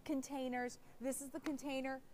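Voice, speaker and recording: A woman hosting a home shopping show, giving an emphatic sales pitch that repeats key phrases. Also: little pitch movement, normal speed, background noise.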